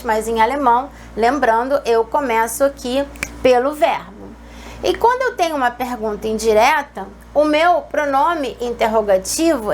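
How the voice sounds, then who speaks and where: A woman's voice: sits high, slight background noise. A woman teaching a German lesson, explaining patiently and repeating German words. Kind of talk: online language lesson.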